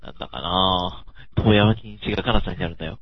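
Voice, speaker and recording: Male podcast co-host, quick and animated, slightly husky, on a dull, dry, lo-fi recording. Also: low-pitched, dry recording. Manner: animated, leads the talk with quick asides. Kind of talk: casual anime chat.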